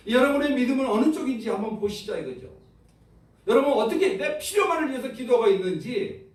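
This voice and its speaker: Male pastor, high-pitched, lively sermon, recorded from far off in a very echoey sanctuary. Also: fairly quick. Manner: animated, asks the congregation questions, acts out voices. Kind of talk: sermon with congregation call-and-response. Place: church sanctuary. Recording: very echoey church hall, from far off.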